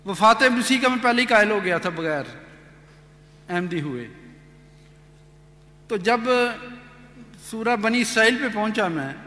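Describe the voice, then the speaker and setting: High, bright-voiced man telling his story in a hall. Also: pauses often. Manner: earnest, animated retelling with quoted dialogue. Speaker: speaker giving a personal testimony. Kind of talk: storytelling testimony. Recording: echoey hall reverb.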